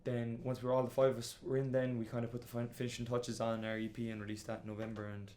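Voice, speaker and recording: A man's voice: mid-range voice, level tone, fast talker, dark tone, a little hiss or hum. A man in his twenties with an Irish accent, the band's singer, telling his story in a casual interview full of fillers like "kinda" and "like.". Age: 20s. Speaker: band singer and guitarist.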